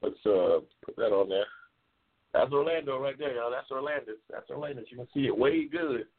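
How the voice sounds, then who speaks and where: The voice is a medium-pitched man's, fairly quick and edged with breathiness. He is a host in his seventies on a casual live stream, trash-talking and joking as he reads viewer comments, all captured in tinny, lo-fi phone-like sound.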